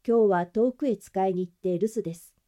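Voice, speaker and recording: A woman's voice: medium pitch, fairly quick, mellow, close to an everyday voice. A woman voicing a talkative, breezy young male assistant. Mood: chatty.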